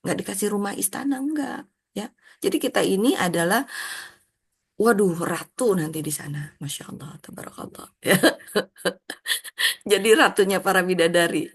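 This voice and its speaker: A middle-aged woman teaches a relaxed faith and self-help lesson in a chatty, animated way. Her voice is gravelly with a husky edge. Now and then she slips into a higher voice to act out prayers. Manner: chatty, animated, acts out quoted prayers in a high voice. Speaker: religious self-help trainer. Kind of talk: casual religious lesson.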